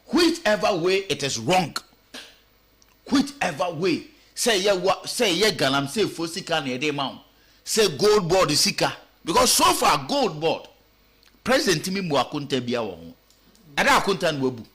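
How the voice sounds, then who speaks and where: A man's voice: a little high, sing-song, moderate pace, bright, forceful tone, husky. A man with a Ghanaian accent giving radio talk show commentary, firing off rhetorical questions and switching between English and Twi. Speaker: political commentator.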